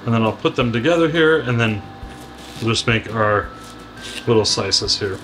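A middle-aged man co-hosting a cooking show chats in a relaxed way, explaining things as he chops vegetables in a home kitchen. His voice is medium-pitched at a moderate pace, and the audio is poor with a slight hiss or hum.

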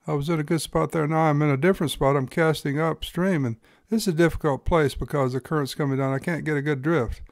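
A man's voice: fairly high pitch, fairly even intonation, fast, hardly any pauses, no echo, studio quality. A man hosting and narrating his own fishing video in an easygoing, folksy explaining manner. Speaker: fly-fishing guide and host.

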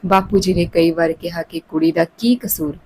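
A woman's voice: lowish voice, moderate pace, a little mellow, husky, rough recording. Woman reading a family story aloud. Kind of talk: scripted story narration.

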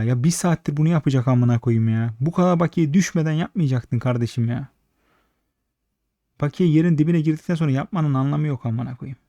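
A man giving casual, frustrated slot commentary, swearing constantly and talking at the machine, slightly hoarse late at night. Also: medium pitch, mellow, no echo. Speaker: slot streamer.

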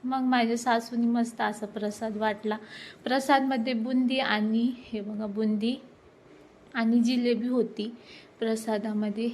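Woman, 30s, fairly high voice, chatty home vlog, excited, speaks to viewers, handheld phone, faint background noise. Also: a little slow. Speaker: vlogger. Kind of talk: casual vlog narration. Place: at home during a family ceremony, indoors and outdoors.

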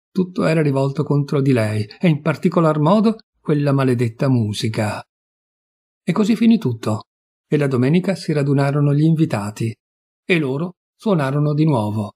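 A man's voice: a little high, mellow, husky. A man reading a classic story aloud as an audiobook, intense and dramatic, rising into fury in the angry passages. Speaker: audiobook reader.

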